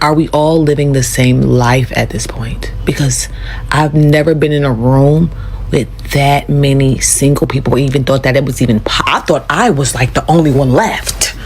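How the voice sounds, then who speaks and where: A woman's voice: rumbling low, darkish tone, slight background noise, low-quality recording. A woman talking casually to camera in a rambling, chatty way, correcting herself as she goes. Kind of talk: casual vlog talk.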